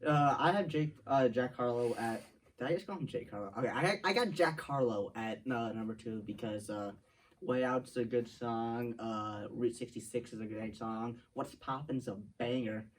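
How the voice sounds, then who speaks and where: Excitable young man, off-mic. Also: medium pitch, normal speed, far from the mic, a little hiss or hum. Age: young adult. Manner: teasing, excitable, many fillers. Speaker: co-host. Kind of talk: casual chat.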